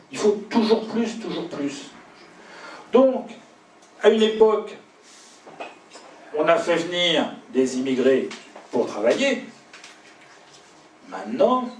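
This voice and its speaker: A man speaks in a measured, deliberate way, pausing between phrases as he answers audience questions after his talk. He is picked up from a distance in a roomy pub, with a faint hum of the crowd behind him. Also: a little high, darkish tone. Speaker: invited speaker giving a talk.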